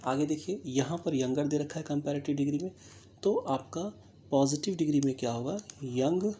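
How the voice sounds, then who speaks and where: In a recorded classroom-style grammar lesson, a teacher with an Indian English accent works through English grammar step by step, spelling words out letter by letter. His mid-range voice has a dark tone, with slight background noise. He speaks slowly and deliberately, checking understanding with frequent "theek hai."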